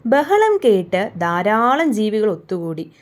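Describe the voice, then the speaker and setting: A woman's voice: mid-range voice, very animated, slow pace. A young woman teacher explaining a workbook story to small children, asking questions and answering them herself.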